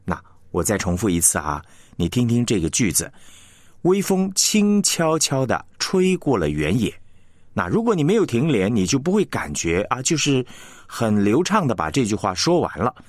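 A man hosting a radio lesson on announcing technique, explaining patiently and reading example sentences slowly with clear pauses. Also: fairly low pitch, big pitch swings, dry recording, studio quality. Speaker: radio broadcasting teacher and host.

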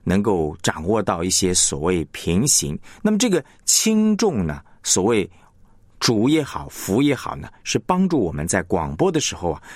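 A man's voice: dry recording, clean studio sound. A man teaching announcing technique in a radio lesson, reading out example words to show where the stress falls. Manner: demonstrates word stress with lively rising and falling pitch. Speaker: broadcasting teacher.

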